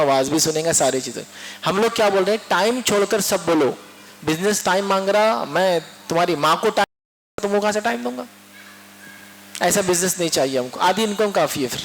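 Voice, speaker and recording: A man from India delivering a lively sermon, often asking his listeners questions and acting out little dialogues. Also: a little high. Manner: lively, asks the audience questions and mimics dialogues. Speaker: preacher. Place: mosque hall. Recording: mosque hall with long echo and faint hum.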